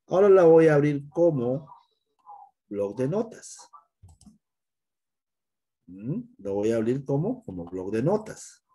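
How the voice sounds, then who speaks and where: A man's voice: mid-range voice, big pitch swings, takes it slowly, long pauses, warm tone, breathy edge. A middle-aged male computer teacher, recording a lesson and talking straight to a student, sometimes acting out the student's fears. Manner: talks straight to one student, acts out pupils' fears.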